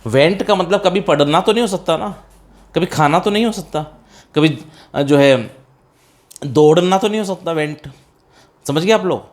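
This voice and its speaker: Indian man teaching English, higher voice. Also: moderate pace, long pauses. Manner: explains step by step, addresses students as beta, asks and answers own questions. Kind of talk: classroom-style spoken English lesson.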